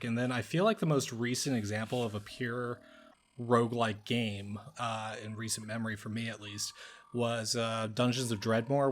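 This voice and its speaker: A man's voice: mid-range voice, fairly bright tone. A man co-hosting a casual podcast, rambling with lots of "like" and filler words. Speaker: podcast co-host. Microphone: podcast microphone.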